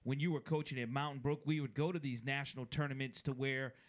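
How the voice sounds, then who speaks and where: A man's voice: mid-range voice, fairly even intonation, fast talker. A man hosting a sports radio show, upbeat and pushing his voice up on key facts.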